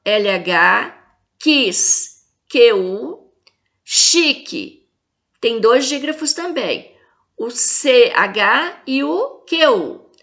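Brazilian woman teacher for a kids' video lesson: fairly high, bright voice, careful spelling of each letter. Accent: Brazilian Portuguese. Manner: spells out letters and stresses each word for the children. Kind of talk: slow video lesson for young children.

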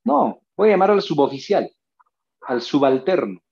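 A man's voice: a little high, sing-song, normal speed, vocal fry, a little mellow, slightly rough, highs cut off. A man teaching a pre-university grammar lesson. He speaks in a coaxing way, repeats his key points and calls the students "nene".

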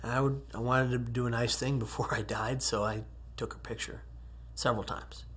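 A man's voice: mid-range voice, steady tone, normal speed, fairly bright tone, slightly rough. A man giving an earnest personal testimony talk, moving between near-whispered passages and strong emphatic rises. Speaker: speaker telling his survival story.

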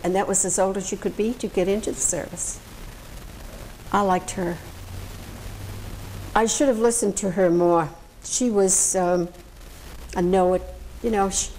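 Elderly woman, from Massachusetts, veteran interviewee, lively storyteller, middle-pitched voice, faint hiss. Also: low-quality recording. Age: older. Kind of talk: oral history interview.

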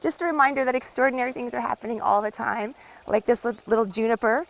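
A woman's voice: on the high side, fast talker, low-quality recording. A woman farm owner interviewed live on a farm, explaining the animals in a cheerful, informative way. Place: outdoors on a farm.

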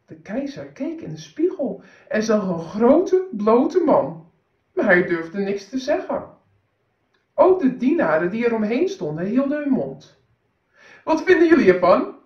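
Woman, teacher, reading aloud to children, lively storytelling, muffled roomy recording. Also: a little high. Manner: slow, lively, expressive storytelling.

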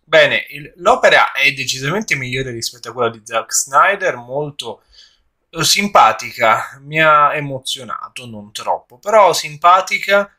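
A man's voice: mid-range voice, animated, measured pace, pushed and bright. A man giving a casual, rambling film review, with frequent hesitations and restarts.

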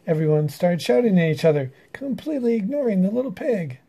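A man reading a children's story aloud in an animated, dramatic way. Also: sits high, brisk, creaky, slight background noise. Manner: animated, dramatic, with character voices. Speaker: storyteller reading a picture book. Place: room in a house.

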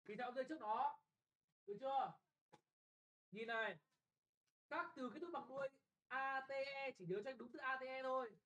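Young man, classroom exam tutor; brisk, blunt, keeps checking if students follow. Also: extremely high pitch, sharp tone, low-quality recording. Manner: brisk and bossy, often checking "got it?". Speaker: English tutor.

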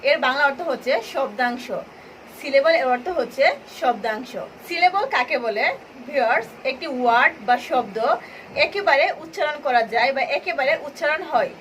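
A woman with a Bangladeshi accent teaching a beginners' grammar lesson, explaining clearly and repeating points while speaking directly to viewers. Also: sits high, fairly bright tone, slight background noise. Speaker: online teacher.

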